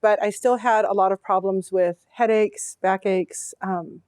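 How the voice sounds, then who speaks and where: Calm woman in her forties, dry sound. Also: mid-range voice, unhurried, dry recording. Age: 40s. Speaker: client giving a testimonial. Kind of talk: interview testimonial.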